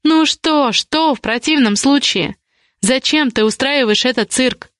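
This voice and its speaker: A woman reading the lines of a defiant young woman, an indignant ward who argues with rapid questions. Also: high voice, a bit bright, no echo, studio quality, voice pushed up. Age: young adult.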